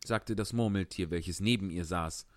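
A man's voice: sits low, normal speed, dry recording. A man reading a story aloud, narrating it expressively. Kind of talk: audiobook reading.

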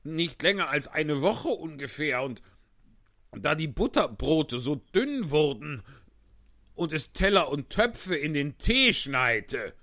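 A man voicing the Hatter, a poor, frightened man, with a trembling, pleading delivery and a lively pitch. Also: slow, dry recording, studio quality, heavily acted. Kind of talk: audiobook reading.

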